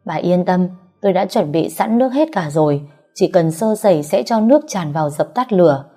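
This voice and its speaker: A woman's voice: on the low side, lively intonation, normal speed, warm tone, soft background music. A woman voicing a worried middle-aged father who talks firmly and reassuringly to his wife. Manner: firm, reassuring. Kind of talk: audiobook character reading.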